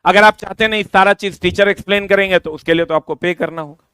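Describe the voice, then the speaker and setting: Male coaching teacher, middle-aged, high smooth voice, dry close sound, informal repetitive talk. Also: steady tone, quick pace, pushed and bright, dry recording. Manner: informal, repetitive, addresses students directly. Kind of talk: promotional explanation to exam students.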